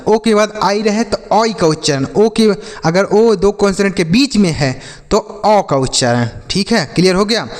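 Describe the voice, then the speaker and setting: A man gives a classroom-style phonics lesson. He asks short quiz questions and repeats the answers for emphasis. His voice carries a long reverb tail. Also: high voice. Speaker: English teacher.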